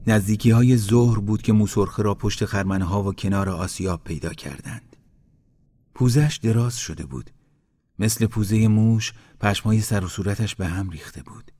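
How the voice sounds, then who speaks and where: A man reading a story aloud in a calm, measured way, giving each villager a voice. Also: lowish voice, breathy edge. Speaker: narrator.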